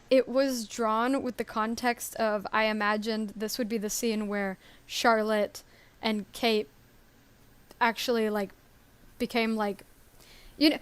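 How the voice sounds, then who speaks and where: A woman's voice: on the high side, clear, resonant tone. A woman co-hosting a casual live stream, talking in a chatty, rambling way with many ums and little laughs. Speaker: story creator and stream co-host.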